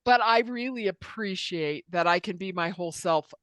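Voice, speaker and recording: A middle-aged woman talks in a casual podcast chat with a smooth, clear voice pitched a bit low. She tells stories candidly and pokes fun at herself. The sound is close and dry. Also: moderate pace, a bit bright, no echo. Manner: candid and self-deprecating, laughs while telling stories. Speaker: co-host.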